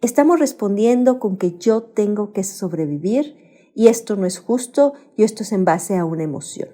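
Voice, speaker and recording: A woman with a Mexican accent speaks in a radio studio, explaining things patiently to her listeners. Her voice is warm and mellow, and she often pauses to pose rhetorical questions. She keeps a calm, informative tone throughout. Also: medium pitch. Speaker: radio guest speaker on emotional health.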